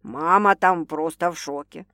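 A woman's voice: low-pitched, unhurried, fairly bright tone, no echo, clean studio sound, voice pushed down. A woman voicing a blunt, skeptical older sister who talks in brash slang in an audiobook.

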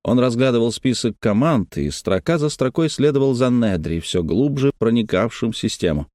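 A man narrating a novel as an audiobook, reading in a steady, even way. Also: mid-range voice, moderate pace, dry recording, clean studio sound. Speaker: audiobook reader. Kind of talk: scripted narration.

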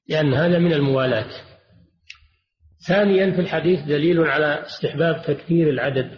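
An older man and religious scholar giving a measured classroom lecture, repeating and rephrasing each point. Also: fairly high pitch. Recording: dull, roomy lo-fi lecture recording.

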